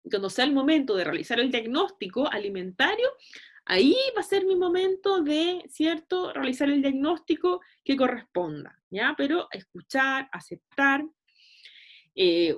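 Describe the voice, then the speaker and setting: A woman giving an online class, explaining with examples and checking in with frequent tag questions. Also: high voice. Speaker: nutrition lecturer.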